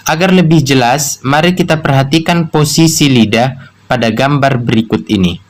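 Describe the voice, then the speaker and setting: A man teaching pronunciation, explaining slowly and drilling letter sounds one syllable at a time. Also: mid-range voice, low-quality recording. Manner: slow, deliberate, pronounces syllables one by one for learners. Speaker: Quran recitation teacher.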